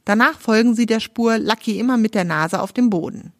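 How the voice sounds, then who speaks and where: A woman's voice: a little high, fairly quick, dry recording, studio quality. A woman from Germany, hosting a children's podcast, reading a story aloud and talking directly to the young listener in a friendly way.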